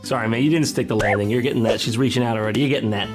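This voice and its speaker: A man commenting with sarcastic jokes while reacting to a dating show clip. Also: mid-range voice. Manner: sarcastic, quick jokes, laughing. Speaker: reaction video host. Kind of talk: comedic commentary. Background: background music.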